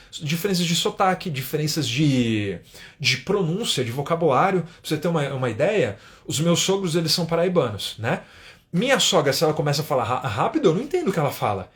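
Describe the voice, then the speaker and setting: A man from Brazil with a São Paulo accent, teaching English in a live stream and talking casually, often tagging his sentences with little checks for agreement. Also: on the high side. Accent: São Paulo Portuguese. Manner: chatty, keeps adding tag questions.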